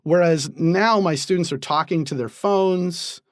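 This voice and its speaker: Animated professor, dry close sound. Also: male voice, a little high, unhurried, no echo. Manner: animated, laughs while explaining. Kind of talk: interview answers.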